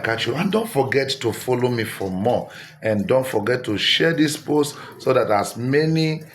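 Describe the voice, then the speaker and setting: Nigerian man, low-pitched, casual vlog host who keeps urging viewers to comment. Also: a little hiss or hum. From Delta State, Nigeria. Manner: repetitive, engaging, coaxing viewers to comment. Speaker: social media creator. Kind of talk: casual direct-to-camera vlog.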